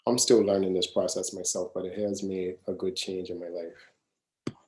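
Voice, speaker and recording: Earnest yet casual, a mid-thirties man leads a live wellness class and repeats phrases for emphasis. His voice sits fairly low, dark and mellow, with little pitch movement and normal speed, and the room around him is echoey.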